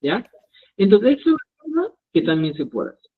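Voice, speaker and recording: A man's voice: sits high, very animated, brisk, husky. A man teaching a language class online, explaining rules and often checking in with his students. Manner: instructive, keeps checking in with "¿ya?". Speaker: Quechua writing teacher. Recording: tinny phone-like online call audio.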